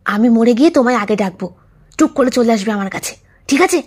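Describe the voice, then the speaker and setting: A woman voicing a gentle older man in an audio story, a father speaking tenderly to his wife. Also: fairly high pitch, animated, fast talker, slightly rough.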